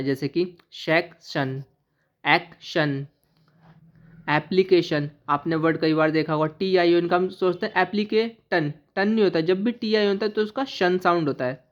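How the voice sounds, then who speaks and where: A woman teaching an English pronunciation lesson who spells out letters and then says each word slowly and deliberately. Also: fairly low pitch. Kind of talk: classroom-style lesson explaining pronunciation. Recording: slightly dull, lo-fi recording.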